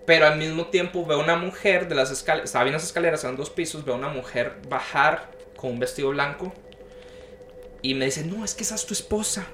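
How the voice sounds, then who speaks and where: Young adult male storyteller, animated, acts out quoted voices, slightly high voice. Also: a little fast, slight background noise. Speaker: podcast guest telling a story. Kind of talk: casual storytelling chat. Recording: roomy echo.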